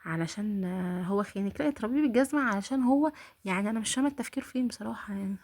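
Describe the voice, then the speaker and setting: Fast, mocking Egyptian woman. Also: mid-range voice, animated, darkish tone. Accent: Egyptian Arabic. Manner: mocking, exasperated, talks straight to viewers. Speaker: reaction video host. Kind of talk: casual reaction commentary.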